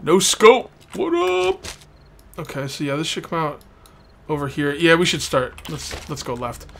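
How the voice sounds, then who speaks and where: A man's voice: on the high side, steady tone, moderate pace, fairly bright tone. A man giving casual, rambling gameplay commentary as a let's play host, repeating himself and talking with a sore, bitten tongue. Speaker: host of a video game let's play series. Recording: background noise, game ambience behind voice. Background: video game ambience.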